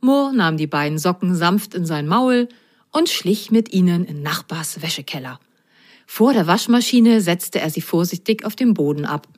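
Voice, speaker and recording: A woman narrating a children's story in a gentle, clearly spoken way. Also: on the low side, expressive, normal speed.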